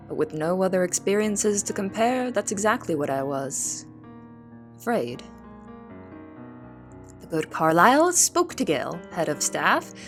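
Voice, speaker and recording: In an audio drama, a woman with a lowish voice plays Anne Marie, an earnest young cook writing testimony, delivering formal letter narration and dialogue in a measured, articulate way. Instrumental music runs beneath her voice.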